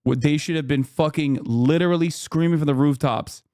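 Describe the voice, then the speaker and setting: A man's voice: on the high side, moderate pace, darkish tone, no echo, studio quality. A man streaming a reaction, ranting heatedly about politics with heavy swearing and emphatic repetition. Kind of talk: live-stream reaction rant.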